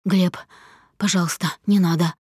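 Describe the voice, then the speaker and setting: A woman's voice: fairly high pitch, animated, moderate pace, no room sound, studio quality, close to an everyday voice. A woman voicing a young wife who answers her husband tensely and defiantly. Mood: pleading.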